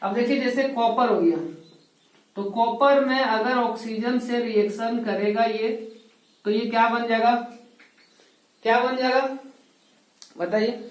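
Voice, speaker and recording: A woman teaching a school chemistry lesson, explaining step by step and asking rhetorical questions. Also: fairly high pitch. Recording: echoey room, voice heard from a distance.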